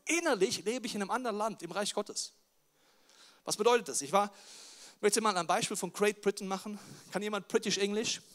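A man with a noticeably high voice delivers a sermon as a pastor. He is animated and full of jokes, swinging between loud punchlines and quiet, earnest stretches. He keeps turning to the audience with questions. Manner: animated, jokey, talks straight to the crowd with questions. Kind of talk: lively sermon. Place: church service with a live audience.

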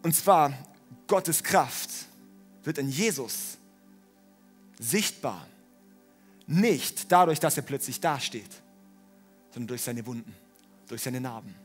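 A man preaching a sermon, animated, swinging between loud emphatic lines and quiet ones. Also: medium pitch, slow, pauses often, breathy edge, soft background music. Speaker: pastor.

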